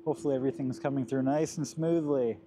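A man's voice: mid-range voice, steady tone, quick pace. A man vlogging casually while riding a scooter outdoors in windy farmland, speaking into a clip-on lapel mic whose noise reduction processing leaves artifacts on his voice. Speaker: tech reviewer. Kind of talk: casual vlog. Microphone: clip-on wireless lapel mic.

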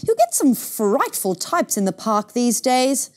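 A woman's voice: high-pitched, very animated, a little slow, pitched above the performer's own voice. A woman voicing a fussy, snobbish mother in a picture book, pompous, bossy and disapproving. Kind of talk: picture book read-aloud.

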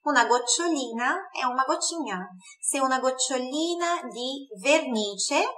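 A woman teaching an online Italian lesson in Portuguese, slowly repeating words for pronunciation. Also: sits high, animated, fairly bright tone, low-quality recording.

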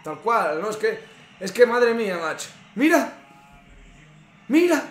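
A man's voice: very high voice, very animated, takes it slowly, faint music behind. A young man with a Spain Spanish accent, reacting live to a football match, swearing and exasperated at the screen. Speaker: streamer. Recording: echoey room.

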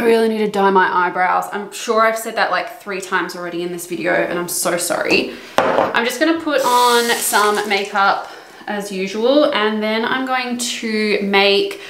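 A woman's voice: medium pitch, fairly bright tone. A young woman chatting to her camera in a casual vlog, rambling with lots of fillers, filmed at home on the camera's own mic. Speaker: vlogger. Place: home kitchen and bedroom, indoors. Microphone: camera mic, close to mid distance. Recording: roomy home echo.

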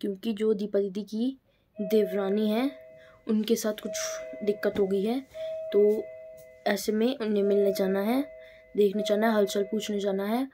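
A woman's voice: mid-range voice, fairly even intonation, unhurried, over music. A young woman chatting casually to her viewers at home in a teasing, talkative home vlog. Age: young adult. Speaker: vlogger.

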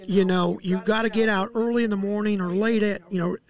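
Gravelly high-voiced man, fishing guide. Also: fairly quick. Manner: relaxed, explanatory, frequent fillers and restarts. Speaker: walleye fishing guide, podcast guest. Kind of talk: casual interview. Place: outdoor deck by a lake. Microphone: headset mic.

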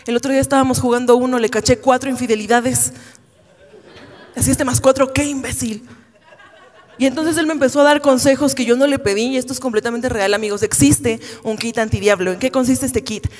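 High-voiced Mexican woman doing stand-up. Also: big-room sound. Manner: chatty, exasperated storytelling. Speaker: stand-up comedian. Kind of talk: stand-up routine. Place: comedy stage with live audience.

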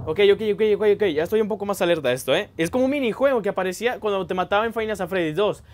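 A man's voice: high-pitched, lively intonation, rapid-fire, a little hiss or hum. Jumpy man playing a horror game. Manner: jumpy, repeats words, cries out. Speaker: gameplay commentator. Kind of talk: excited horror gameplay commentary.

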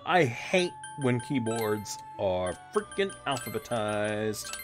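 A man's voice: on the low side, very animated, slow pace. A man streaming a game with casual, informal, sweary commentary. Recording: game music behind voice.

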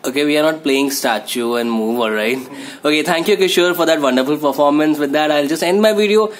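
A man's voice: on the high side, fairly quick. A young man hosting his own channel, chatting casually and teasing his friend, with plenty of loose fillers. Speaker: channel host. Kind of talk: casual chat.

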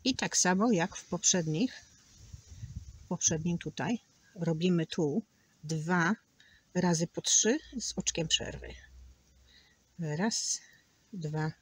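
A woman's voice: fairly low pitch, slow pace, long pauses, slightly rough. A woman teaching a crochet tutorial, patiently counting stitches aloud and sometimes dropping to a near whisper. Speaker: crochet instructor.

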